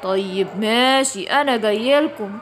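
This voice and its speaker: A woman voicing a hungry, menacing male tiger in an Egyptian Arabic children's storybook, taunting in a drawn-out gloating way. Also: fairly high pitch, slight background noise, pitched below the performer's own voice, natural voice.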